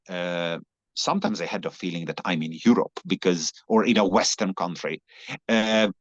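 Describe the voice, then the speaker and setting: Hungarian man, non-native english, earnest, halting restarts, lowish voice, dry dull sound. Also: dry recording. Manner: earnest, many restarts and fillers. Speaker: guest, long-distance cyclist. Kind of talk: conversational interview.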